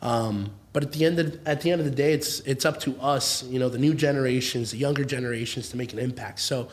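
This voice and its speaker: A man from Mexico speaking as a podcast guest. His pitch sits in a middle range, and he talks calmly in short, thoughtful phrases. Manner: calm, reflective, speaks in short measured phrases. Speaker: restaurant founder, guest. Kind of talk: casual podcast interview.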